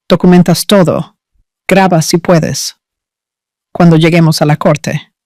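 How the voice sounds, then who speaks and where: A man voicing a cold, scheming woman who gives orders and speaks with contempt, in a slow, dry read. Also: high voice, a little mellow, dry recording. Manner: commanding, contemptuous.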